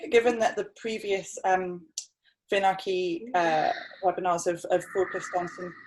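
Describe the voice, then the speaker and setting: A woman's voice: lowish voice, fairly even intonation, unhurried, a little mellow, low-quality recording. A young adult woman winemaker from North East England, explaining her wine in a webinar with many fillers and restarts. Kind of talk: webinar tasting talk.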